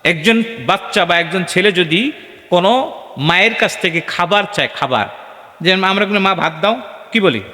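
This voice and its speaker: A man delivers a lively sermon, throwing questions at his listeners and slipping into sung chanting of verses. His voice sits fairly high and rings bright, and it booms back with long reverb as if through a PA in a large hall. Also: normal speed. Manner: animated, asks the crowd questions and calls for responses. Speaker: preacher. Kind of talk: sermon at a religious gathering.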